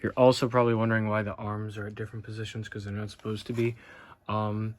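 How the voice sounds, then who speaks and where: A man's voice: on the low side, level tone, fast talker, background noise. An American man talking casually and matter-of-factly through a hands-on repair, filming himself as he works. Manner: matter-of-fact, unscripted. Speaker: hobbyist repairing a Halloween animatronic.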